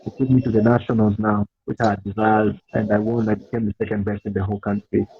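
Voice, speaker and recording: A man's voice: lowish voice, flat delivery, fast, slightly rough, dry recording. A man in his twenties from Zambia, a guest entrepreneur in a casual interview, talking unhurriedly with frequent fillers and restarts. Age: 20s. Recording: tinny phone-like call line, dry.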